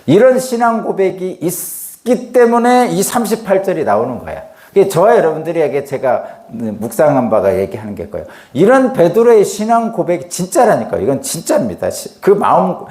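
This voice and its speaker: Animated male pastor in echoey room. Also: sits high. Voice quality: conversational preaching, rhetorical questions. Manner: animated, acts out dialogue. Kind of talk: dawn service sermon.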